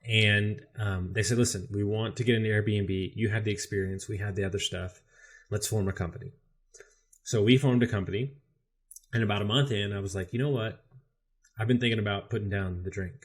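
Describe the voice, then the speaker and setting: A man telling his own story as a podcast guest, candid and animated, with frequent swearing. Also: on the low side, a little fast. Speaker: podcast guest, business coach. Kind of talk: casual storytelling interview.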